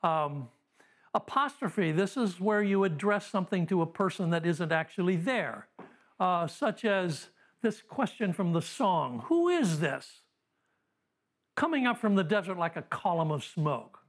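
A man with a high voice delivers a classroom Bible lecture. He talks conversationally, full of fillers and dry humor, and sounds middle-aged. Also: lively intonation, a little slow. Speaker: Bible teacher.

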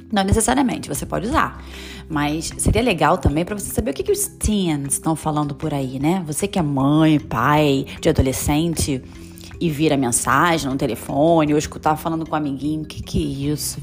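A woman's voice: low voice, moderate pace, faint music behind. Chatty woman teaching slang. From Brazil. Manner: chatty, frequent tag questions, drops into English examples. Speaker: podcast host teaching English slang. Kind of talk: casual explanatory lesson. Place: lives in the United States.

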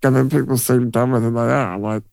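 Gravelly Australian man chatting casually. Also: medium pitch, steady tone, darkish tone, no room sound. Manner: easygoing, halting with many restarts. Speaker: podcast co-host. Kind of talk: casual chat.

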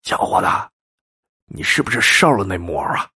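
A man voicing an eerie old puppet maker who speaks slowly and slyly, almost hushed. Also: low-pitched, very animated, breathy edge, full character voice. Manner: slow, hushed, sly.

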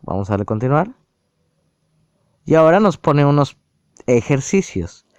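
A man calmly walking through a language app on screen, explaining each step aloud. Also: on the high side, moderate pace, clean tone, no echo. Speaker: app reviewer. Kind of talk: casual screen-recorded app walkthrough.

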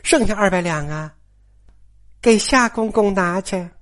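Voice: mid-range voice, unhurried, close to an everyday voice. A storyteller putting on a sly, sweet-talking noblewoman. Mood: bossy. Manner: sweet-talking, coaxing, then sharp and scolding. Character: sly, smooth-talking noblewoman steward of a great house. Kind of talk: storyteller acting a character.

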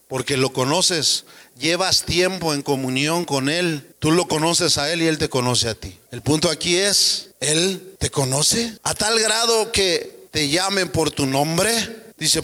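A man preaching a sermon with passion, firing rhetorical questions and rising to shouts. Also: a little high, slow. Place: church. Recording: long church hall reverb.

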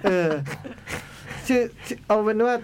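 A man's voice: measured pace, a little hiss or hum. A man hosting a casual chat, explaining at length and laughing often. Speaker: podcast host. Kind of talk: casual chat reviewing a series.

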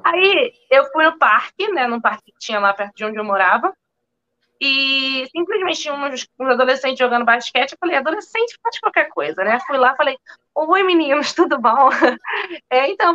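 Woman guest, high bright voice, animated storyteller, a bit dull and lo-fi. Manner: lively, animated, acts out quotes with laughter. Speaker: podcast guest, actress. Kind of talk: casual storytelling chat.

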